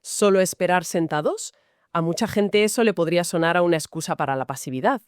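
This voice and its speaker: A woman's voice: lowish voice, a little fast, clear, resonant tone, no echo, studio quality. A woman from Spain co-hosting a Bible study podcast, asking and clarifying points. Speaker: podcast co-host.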